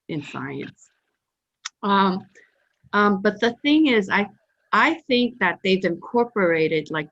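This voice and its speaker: A woman's voice: low-pitched, fairly bright tone. A woman from Taiwan hosting a casual interview over a video call, talking in a rambling way with many fillers and restarts. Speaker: host. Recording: dull lo-fi call audio.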